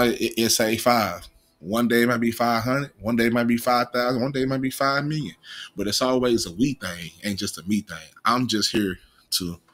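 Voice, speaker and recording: A bit bright and on the low side, this American man's voice carries a slight stutter. As an online commentary host he talks off the cuff, casual, slangy and profane, getting the pronunciation of some words wrong.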